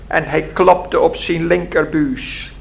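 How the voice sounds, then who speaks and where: A man reading a Christmas story aloud in a measured, unhurried way. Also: on the high side, steady tone, gravelly.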